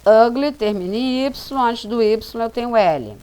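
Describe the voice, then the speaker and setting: A woman's voice: a little high, measured pace, a little mellow, clear, resonant tone. A woman teaching English grammar to students, explaining each rule step by step, spelling out letters and repeating every example sentence. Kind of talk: slow classroom explanation.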